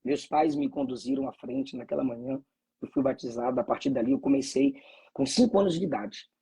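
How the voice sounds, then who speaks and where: A man's voice: medium pitch, big pitch swings, brisk, creaky, dark tone, husky, poor audio. A man from Bahia, a pastor, speaking with fervent preacherly cadence and frequent hallelujahs. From Bahia, Brazil. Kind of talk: conversation and preaching reflection.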